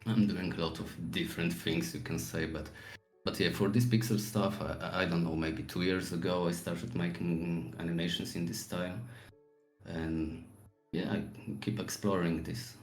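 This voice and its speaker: A Polish-accented man in his forties talks in a relaxed, easygoing way, often pausing to search for words. His voice sits very low. The sound is roomy, with a noticeable echo. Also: soft background music. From Poland. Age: 40s. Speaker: guest artist. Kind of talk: casual podcast interview.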